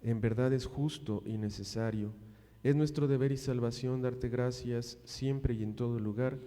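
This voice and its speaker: A man, a priest celebrating mass, leading liturgical prayer in a measured, solemn intoning manner, his voice carrying a long cathedral-style echo. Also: mid-range voice, steady tone, warm tone. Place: large church. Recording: echoey church with long reverb.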